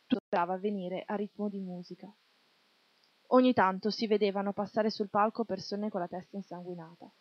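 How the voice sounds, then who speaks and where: A woman reading a literary short story aloud in a steady, measured way. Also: mid-range voice, no echo. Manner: steady measured reading, voicing shouts in quotes. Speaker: reader. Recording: dull lo-fi dry recording.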